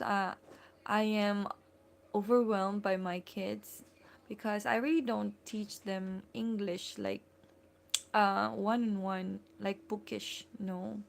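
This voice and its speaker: A woman's voice: mid-range voice, gravelly. A woman with a Filipino accent hosting a casual live stream from home, chatty and full of fillers as she greets and thanks viewers by name. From Philippines.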